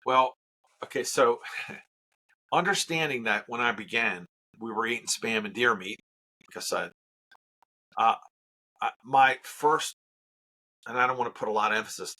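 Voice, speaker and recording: A man's voice: mid-range voice, moderate pace, pauses often, bright, forceful tone. A man who works as a charity auctioneer, telling his story in a casual interview with earnest emphasis and repeats.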